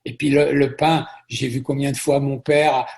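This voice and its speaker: Middle-aged French-born man, interview guest, gravelly voice, chatty storyteller who repeats himself. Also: medium pitch, flat delivery, moderate pace. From France. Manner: warm storytelling with frequent repetitions. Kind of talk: conversational interview.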